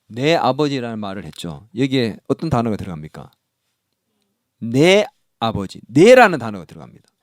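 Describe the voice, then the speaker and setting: A man's voice: mid-range voice, moderate pace, no room sound, studio quality. A man preaching a sermon as pastor, asking the congregation questions and acting out parts of the story. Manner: animated, acts out scolding dialogue, asks the congregation questions.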